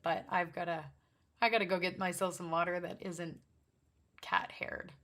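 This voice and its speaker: A woman with a slightly gravelly voice hosts an art demonstration in casual chat, rambling, interrupting herself and apologizing as she goes. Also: on the low side, level tone, moderate pace, fairly bright tone. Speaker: host of an art livestream swatching watercolors. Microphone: backup microphone.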